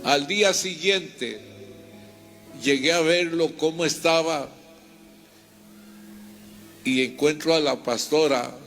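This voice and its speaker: A man's voice: a little high, takes it slowly, pauses often, a bit bright, soft background music. An older man, a reverend, giving a fervent personal testimony and retelling his story in repetitive, heartfelt bursts.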